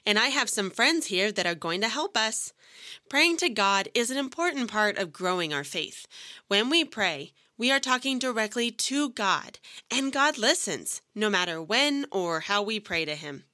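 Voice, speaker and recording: A woman's voice: medium pitch, sing-song, normal speed, sharp tone, dry recording, studio quality. A woman hosting a children's devotional podcast, speaking sweetly and patiently like a Sunday school teacher who explains things simply.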